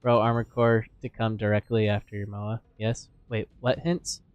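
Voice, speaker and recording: A man's voice: fairly low pitch, little pitch movement, normal speed, clear, resonant tone, dry recording, lo-fi sound. A tired man streaming a game, chatting casually and rambling with hesitant repeated words. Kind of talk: casual chat while gaming.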